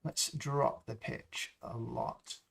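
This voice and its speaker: A man talks slowly through a sound-editing session, his voice gravelly with a touch of fry. He thinks aloud as he goes, pausing with ums between steps in an unscripted tutorial. The pitch stays mid-range and relaxed. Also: background noise. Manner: slow, thinking aloud as he works, with frequent ums. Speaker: live stream host demonstrating sound design.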